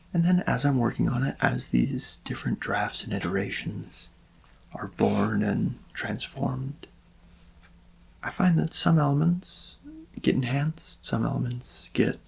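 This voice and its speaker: Playing a portrait artist in a soft-spoken ASMR personal-attention roleplay, this man speaks in a mid-range, breathy-edged voice thick with vocal fry that slips into whispers. His manner is gentle, reassuring, unhurried and politely attentive.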